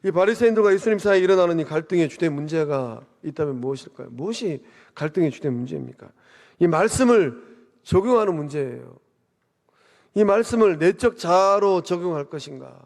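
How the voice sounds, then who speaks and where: High-voiced preaching man in a reverberant church. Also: expressive, brisk, vocal fry, darkish tone. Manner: preaching with rhetorical questions and swelling emphasis. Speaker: pastor. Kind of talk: sermon. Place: church sanctuary. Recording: long reverb of a church hall.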